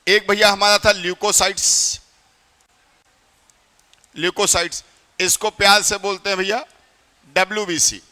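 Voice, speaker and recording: A man with a high, bright voice lectures a classroom in north Indian Hindi, chatty and quick to quiz his students. His voice rings with the long reverb of a hall. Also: flat delivery. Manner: chatty, quizzes students often. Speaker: teacher.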